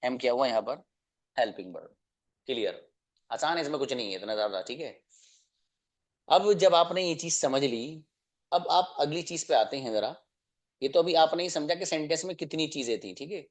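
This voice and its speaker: A man's voice: a little high, expressive, normal speed, pauses often. A man, teaching an online class. He explains patiently and repeats himself, asking his students question after question. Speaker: English teacher.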